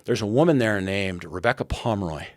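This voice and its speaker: A man's voice: on the low side, lively intonation, fairly quick, dry recording, studio quality. A man in his sixties, a podcast guest, earnestly retelling a historical story and quoting the people in it. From United States. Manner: earnest, retells events with quoted dialogue.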